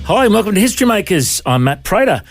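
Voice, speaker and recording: Upbeat radio host, slightly high. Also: male voice, big pitch swings, fast talker, over music. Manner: friendly, lots of brief acknowledgements. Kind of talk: radio interview.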